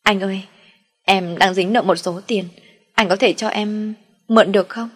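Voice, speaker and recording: A woman voicing a desperate young woman in debt, pleading tearfully in a raised, shrill voice. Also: steady tone, moderate pace, soft background music, lightly acted.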